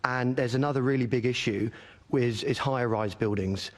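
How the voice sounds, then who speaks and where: A man's voice: medium pitch, moderate pace. A man campaigning for leaseholders, giving formal evidence to a committee in an earnest, argumentative way and repeating words for emphasis.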